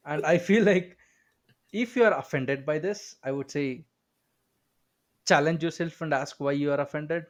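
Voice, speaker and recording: A man hosting a podcast interview, teasing and joking in casual chat. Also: a little high. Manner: joking, teasing, with frequent filler backchannels. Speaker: podcast host.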